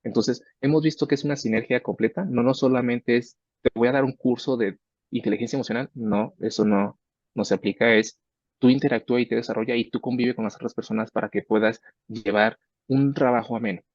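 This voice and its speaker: A man of middle pitch explains how he mentors his research students, slipping into the voices of both sides of their talks. The sound is dry and a little dull. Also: fairly even intonation, a little fast, darkish tone, no room sound. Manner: conversational, acts out student dialogues. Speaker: research professor.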